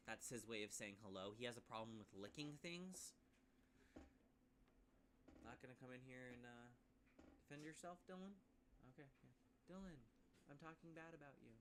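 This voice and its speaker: A man's voice: medium pitch, noisy background. A man casually reviewing a game class on a live stream, chatty and full of asides to viewers.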